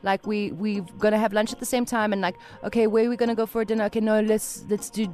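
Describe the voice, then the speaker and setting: A woman's voice: medium pitch, level tone, quick pace, darkish tone, faint music behind. South African woman hosting casual radio chat. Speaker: radio show host.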